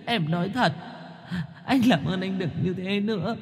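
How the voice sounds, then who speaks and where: A man's voice: a little slow, a little mellow, long reverb tail. A man voicing a tearful young wife who stammers as she pleads with her husband. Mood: pleading sobs. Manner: sobbing, stammering falsetto plea.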